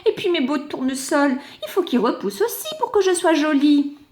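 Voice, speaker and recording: A small, timid clod of earth speaks in a high, thin, begging little voice, voiced by a woman. Her pitch climbs and dips with every plea. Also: animated, normal speed, a little mellow, a little hiss or hum. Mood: pleading.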